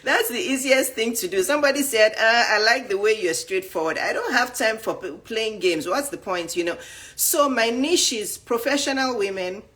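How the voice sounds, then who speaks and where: Her voice is fairly high and a bit bright, with lively intonation and a moderate pace. She is a dating and life coach talking bluntly and emphatically into the camera while listing off questions.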